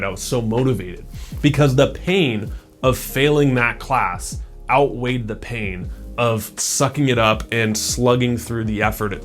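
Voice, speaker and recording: Casual motivational man in his thirties. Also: mid-range voice. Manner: casual, conversational, peppered with "like" and "right?". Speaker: self-improvement YouTuber. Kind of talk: motivational talk to camera.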